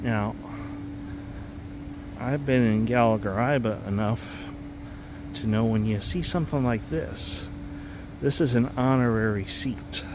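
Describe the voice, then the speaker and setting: A man of middle pitch narrates a stadium tour on his phone, enthusiastic and rambling as he stops to fix his own sentences. He sounds outdoors, with faint ambient noise and the occasional vehicle in the background. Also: measured pace, pauses often. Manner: rambling, enthusiastic, self-correcting. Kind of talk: casual walking vlog narration.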